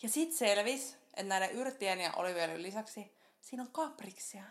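A woman's voice: medium pitch, lively intonation. A woman co-hosting a casual chat, telling stories animatedly and laughing often as she reviews a restaurant meal. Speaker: podcast co-host.

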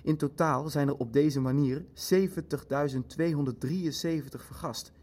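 A man with a somewhat high, slightly mellow, natural voice plays a cold Nazi official in radio-play dialogue. He speaks at normal speed with fairly even intonation, sounding detached and factual, hesitating clinically and fussing over numbers as he sorts through his facts.

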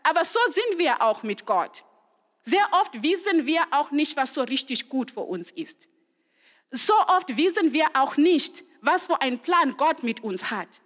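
A mother in her thirties preaching a sermon, earnest and animated, acting out the voices of her children. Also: high voice, a little slow. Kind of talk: sermon to a congregation. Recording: long reverb of a hall.

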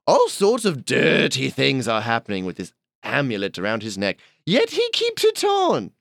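A man's voice: medium pitch, huge pitch swings, moderate pace, vocal fry, a bit bright, dry recording, clean studio sound, exaggerated voice. A man voicing a pompous noble male llama lord with an affected posh accent, guest-hosting a comedy podcast. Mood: grandiose. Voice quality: affected posh British-ish put-on accent, grandiose. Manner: pompous, rambling, theatrical. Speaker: guest host. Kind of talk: improvised comedy podcast character.

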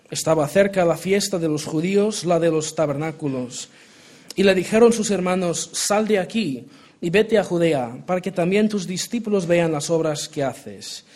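With a fairly high, somewhat mellow voice, a young man preaches in Spanish, reading from the Bible and leading prayer. He grew up in Portugal, so Portuguese and American English flavor his accent, and his earnest speech includes many restarts.

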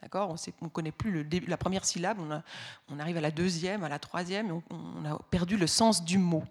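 A woman's voice: on the low side, brisk. Woman, music teacher, spoken lecture; patient, hesitant, many restarts. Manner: reads the ballad aloud with expressive voices.

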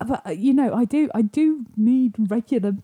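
A woman, co-hosting a casual podcast chat and telling stories about herself in a self-deprecating, animated way. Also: on the high side, normal speed, slightly rough. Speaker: podcast co-host.

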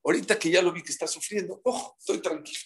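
A man's voice: high voice, fast, a bit bright. A man teaching a live Talmud class, telling the stories dramatically and firing rhetorical questions at his listeners.

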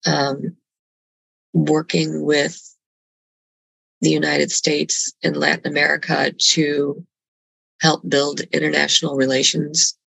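A woman raised in Colombia, a guest in a reflective conversation, speaking earnestly and haltingly with restarts over a video call. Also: sits low, little pitch movement, creaky, fairly bright tone, husky, dry recording, rough recording.

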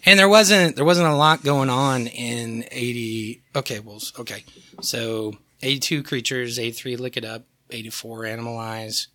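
Podcast guy rambling about old albums, swears a lot, super bright tense voice, dry close sound. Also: medium pitch, fairly even intonation, normal speed, no room sound. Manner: rambling, swears, works from notes. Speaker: podcast co-host. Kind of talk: casual chat about music.

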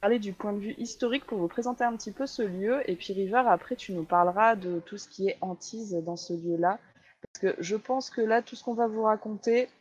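A woman's voice: mid-range voice, a little fast, muffled recording. A woman hosting a casual talk show, chatting with many hesitations and fillers as she introduces a haunted place. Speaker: host.

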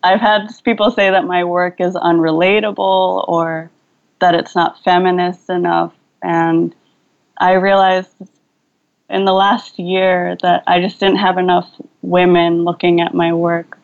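Her pitch sits fairly low and barely moves, with a creaky quality and a measured pace, captured on lo-fi audio. This young filmmaker is a guest in a laid-back video-call interview, reflecting as she goes and stumbling through fillers and restarts.

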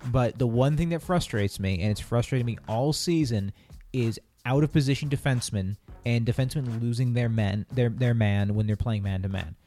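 Earnest man with a dark voice. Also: mid-range voice, moderate pace, soft background music. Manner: earnest, opinionated, many restarts. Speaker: podcast co-host. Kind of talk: casual sports chat.

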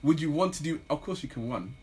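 A man's voice: fairly high pitch, expressive, fast, warm tone, slightly rough, low-quality recording. Teasing young man, podcast host. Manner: teasing, jokey, laughing often. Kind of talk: casual chat.

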